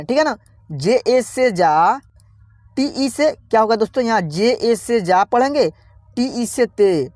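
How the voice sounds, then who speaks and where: A man teaching beginners online, spelling out words slowly and repeatedly asking viewers how to read them, calling them friends. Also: high voice, no echo, clean studio sound. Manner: slow, repetitive spelling-out, constantly quizzing viewers. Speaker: English teacher. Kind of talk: online beginner lesson, reading words aloud.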